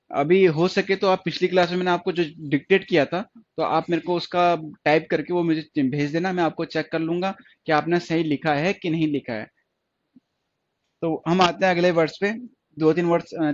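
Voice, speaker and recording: In a muffled recording, a man with a slightly high voice teaches a stenography class online. He's repetitive, going over each point again and posing questions that he then answers himself.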